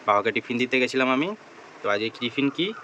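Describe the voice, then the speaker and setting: A man's voice: medium pitch, animated, fast talker, sharp tone, dull audio, a little hiss or hum. Chatty young man vlogging his chores. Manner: chatty, talks straight to viewers while doing chores. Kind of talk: casual daily vlog narration.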